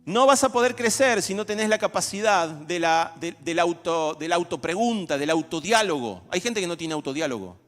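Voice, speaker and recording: A man's voice: high-pitched, fairly quick, hardly any pauses. A man, a pastor giving a conversational sermon and acting out everyday dialogues. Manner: animated, acts out everyday dialogues. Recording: reverberant hall with soft music.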